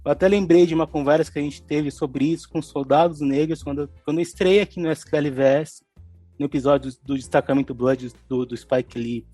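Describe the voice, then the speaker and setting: A man's voice: fairly high pitch, fairly even intonation, fairly quick, dark tone, no room sound, soft background music. A man with a Brazilian Portuguese accent, co-hosting a film review podcast in thoughtful, analytical casual chat. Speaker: podcast co-host.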